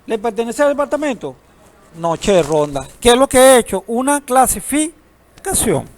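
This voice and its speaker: A man with an extremely high, sing-song voice teaches a database class at a moderate pace. He lectures the room, poses questions to his students, and throws in humor now and then.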